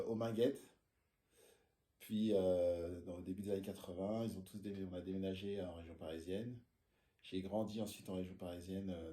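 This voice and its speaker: A man's voice: on the low side, mellow, echoey room. A man in his forties, an osteopath, telling his life story in a casual interview, hesitating often with fillers and restarts. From France. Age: 40s. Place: his osteopathy practice room.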